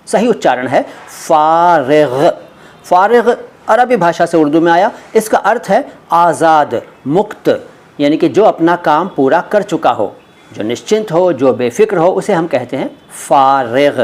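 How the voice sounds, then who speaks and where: A middle-aged man teaching word meanings, repeating each word with careful, slow pronunciation. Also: on the high side, expressive, darkish tone. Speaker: language teacher.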